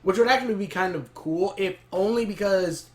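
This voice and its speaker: A man casually reviewing a cartoon episode to camera in a rambling, excitable way. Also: high-pitched, brisk. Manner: rambling, excitable recap with frequent laughs.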